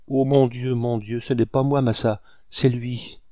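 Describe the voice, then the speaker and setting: A man's voice: medium pitch, steady tone, unhurried, mellow, dry recording, pitched above the performer's own voice, natural voice. A man voicing a terrified pleading woman. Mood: panicked begging. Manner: desperate, begging, broken phrases. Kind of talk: audiobook character voice.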